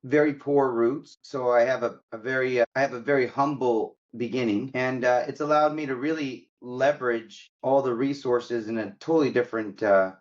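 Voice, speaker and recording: A man's voice: medium pitch, steady tone, normal speed, few pauses, highs cut off. A man born in Egypt who grew up in America, a guest in a business interview, telling his life story in a candid, chatty way with fillers. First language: Arabic. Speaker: guest, mortgage company CEO. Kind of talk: casual interview talk.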